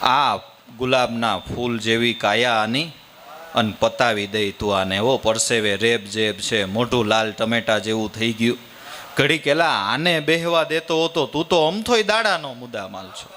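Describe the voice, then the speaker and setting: A man's voice: mid-range voice, moderate pace, sharp tone, a little hiss or hum, close to an everyday voice. A man voicing a male passer-by who chides in a Kathiawadi accent. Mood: scolding. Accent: Kathiawadi Gujarati. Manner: gruff, chiding. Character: scolding male passer-by on the road.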